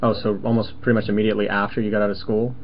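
Casting: quick, low-pitched male detective, informal questioning, dull interview tape. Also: little pitch movement. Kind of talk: casual interrogation. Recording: muffled, noisy interrogation room recording.

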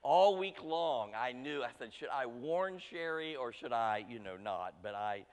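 A man's voice: mid-range voice, moderate pace, a bit bright, clean tone. A middle-aged man preaching a sermon, folksy and teasing his congregation directly. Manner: folksy, talks straight to the congregation with light teasing. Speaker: pastor. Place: church sanctuary. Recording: church sanctuary with long reverb.

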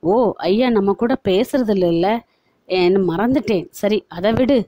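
A woman reading a story aloud and voicing a naive, excitable young wife who blurts out whatever she thinks, in a high, pleading, girlish way. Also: unhurried, natural voice. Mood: childlike.

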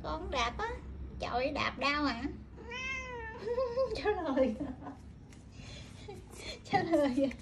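Lady sweet-talking her cat, high voice, slow and easy, noisy room w/ meowing. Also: lively intonation. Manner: coaxing, questioning, mother-like. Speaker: pet shop owner. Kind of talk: casual talk to a pet.

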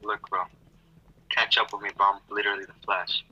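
A young man chatting casually in slang while gaming, an excitable, easily scared horror game streamer. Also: on the low side, a little fast. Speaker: gaming partner. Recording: dull, noisy lo-fi voice chat.

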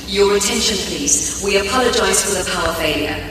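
An echoey hospital loudspeaker announcer. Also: mid-range voice, a little fast, a little hiss or hum. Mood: formal. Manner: calm, formal announcement. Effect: public-address loudspeaker. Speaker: hospital public-address announcer. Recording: echoey hall loudspeaker from far off, faint ambience.

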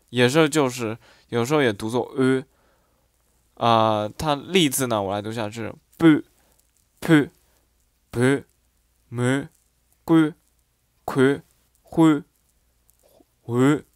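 A man teaches pronunciation, speaking slowly and carefully. He reads sample syllables aloud one at a time with pauses between them, and fills his explanations with hesitant "uh"s. The recording is dry and close, with no room sound. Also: mid-range voice, no room sound. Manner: explains with frequent hesitation fillers. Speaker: dialect teacher. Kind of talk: phonetics lesson.

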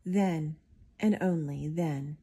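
A woman reads a children's picture book aloud. Her voice is warm and a little husky, sitting slightly low. She tells the story steadily and lifts into bright, excited voices for the characters. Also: slow pace. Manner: expressive, lively character voices. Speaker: storybook reader.

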